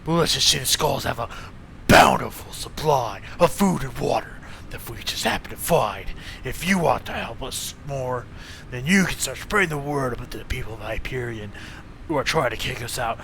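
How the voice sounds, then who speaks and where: A man's voice: medium pitch, brisk, creaky, sharp tone, slight background noise, voice pushed down. A man voicing a swaggering male gang member in a drawling, surfer-like voice. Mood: sly.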